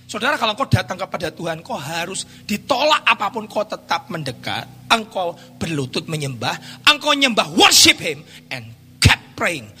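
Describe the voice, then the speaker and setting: Animated pastor preaching. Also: male voice, high-pitched, husky. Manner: dramatic storytelling, acts out quotes, mixes in English phrases. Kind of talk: sermon. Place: church hall. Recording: reverberant hall with music behind.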